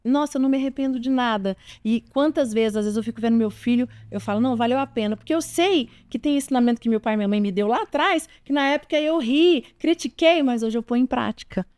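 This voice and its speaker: Talking directly to her listeners, a Brazilian Portuguese-accented woman in her forties offers parenting advice with earnest emphasis, circling back to her main points repeatedly. She speaks quickly with hardly any pauses, in a slightly high, slightly mellow, clean voice.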